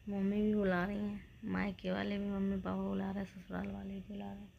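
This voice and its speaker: Woman in her 30s rambling to her viewers, kinda gravelly, flat delivery, lo-fi hissy audio. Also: medium pitch, a little fast. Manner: chatty, rambling, drops to a whisper at times. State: unwell with joint pain. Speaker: vlogger. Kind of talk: casual vlog chat.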